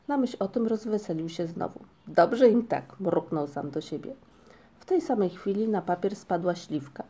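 A woman reads a children's storybook aloud, calm and steady. Her voice is warm and mellow, at a middle pitch. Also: slightly rough. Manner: calm, even-paced reading aloud. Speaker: narrator. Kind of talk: storybook reading.

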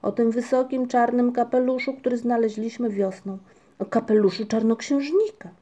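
Woman doing little know-it-all creature guy, mellow, storybook. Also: on the high side, fairly even intonation, normal speed, voice pushed up, natural voice. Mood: explaining. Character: small knowing male creature.

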